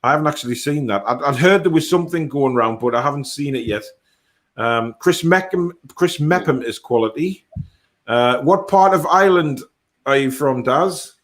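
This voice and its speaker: A man's voice: fairly high pitch, normal speed, a bit bright. A man hosting a casual football fan chat, reading out viewer comments and answering them in a blunt, matter-of-fact way. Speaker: host of a football fan live stream.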